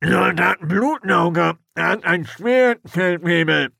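A man voicing a spiteful male corporal who shrieks and nags in a shrill voice, in an audiobook. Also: unhurried, gravelly, pushed and bright, no echo, clean studio sound, full character voice.

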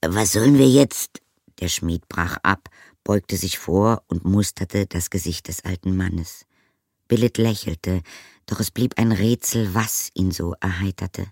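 Brief: male audiobook narrator, low and gravelly, unhurried, dry close recording. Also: fairly even intonation, no echo. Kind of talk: scripted narration.

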